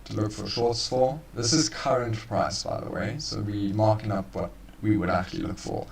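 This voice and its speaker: A man's voice: fairly low pitch, steady tone, moderate pace, vocal fry, slight background noise. Laid-back man explaining charts, roomy sound. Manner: casual, laid-back, calls listeners bro. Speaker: trading co-host. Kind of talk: live stream chart analysis. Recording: roomy, far from the mic.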